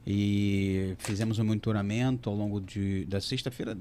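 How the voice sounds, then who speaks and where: A man's voice: fairly low pitch, steady tone, dark tone, a little hiss or hum. Guy from the water company answering questions, lots of uh and restarts, keeps stumbling. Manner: halting, many fillers and restarts. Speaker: water utility representative.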